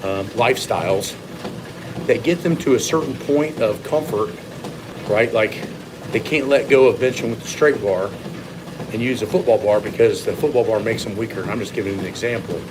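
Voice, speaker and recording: Speaking at a normal pace in a fairly low voice, a man who coaches strength and once lifted competitively rattles off a blunt, opinionated training rant. It's casual and unscripted, with the odd swear word, and there's noise in the background.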